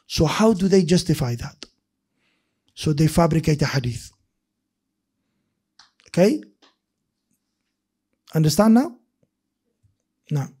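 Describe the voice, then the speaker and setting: A middle-aged hadith teacher gives a seated classroom lecture in a mosque, using a desk microphone on a stand. His voice is a little high and husky, and he goes slowly with long pauses. He's animated, gesturing with his hands as he explains, often repeating and restarting words and mixing in Arabic phrases.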